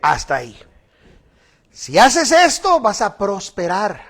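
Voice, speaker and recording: Man, bishop preaching, bilingual sermon, high-pitched, animated. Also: slow, gravelly. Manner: switches between Spanish and English, animated with laughs.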